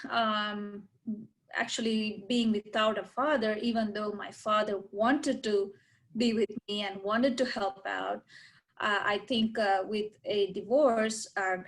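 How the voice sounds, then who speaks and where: A woman from Sri Lanka shares her story as a panel guest. She speaks slowly and hesitantly, filling gaps with many fillers. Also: medium pitch, low-quality recording. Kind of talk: personal testimony.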